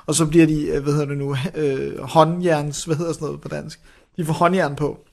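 With a slightly high, somewhat mellow and creaky voice that barely moves in pitch, a man chats enthusiastically as co-host of a casual film review show. His speech is full of fillers, hesitations and restarts.

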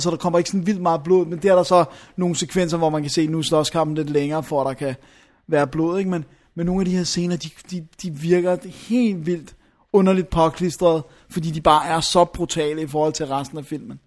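A man's voice: on the high side, steady tone. A young man chatting casually about a film, rambling, searching for names and filling gaps with hesitations. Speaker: film reviewer.

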